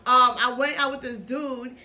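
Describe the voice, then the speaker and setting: A young woman hosting a casual podcast chat, blunt and profane, telling animated stories. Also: high-pitched, normal speed. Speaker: podcast host.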